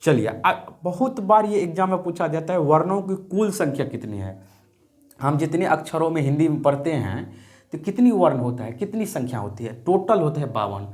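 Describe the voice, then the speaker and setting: A man's voice: on the high side, lively intonation, moderate pace, darkish tone. A man teaching a grammar lesson, repeating key words and putting questions to his students.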